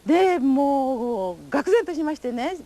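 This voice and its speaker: Older woman, survivor testimony, high voice, very lively pitch, polite formal storytelling. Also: takes it slowly. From Japan. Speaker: atomic bomb survivor giving testimony. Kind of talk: recorded testimony interview.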